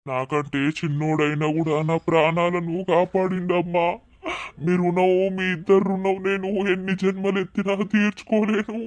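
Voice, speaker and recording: Woman as cartoon village man, older brother, low and emotional, Telangana accent. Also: steady tone, normal speed, a little mellow, close to an everyday voice. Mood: grateful. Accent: Telangana Telugu. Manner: tearful, pleading. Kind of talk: cartoon voice acting.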